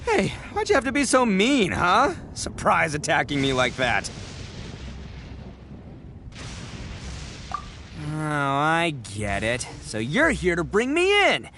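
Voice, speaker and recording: A man's voice: on the high side, huge pitch swings, a little slow, few pauses, slight background noise, heavily acted. A cocky young gang leader, all swagger and bluster. His voice swings widely up and down as he brags, then trips over his own words when cornered. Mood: boastful. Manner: loud, blustering, stammers when caught out. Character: brash young male gang boss, boastful and hot-headed. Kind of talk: video game dialogue.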